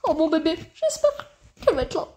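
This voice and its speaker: A woman's voice: very high voice, sing-song, fairly quick, noisy background. A woman voicing a fussy, worried father of a teenager in a toy-game story, exasperated and fretting.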